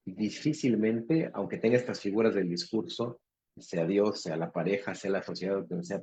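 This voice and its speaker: Low, mellow man moderating a discussion. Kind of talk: film discussion.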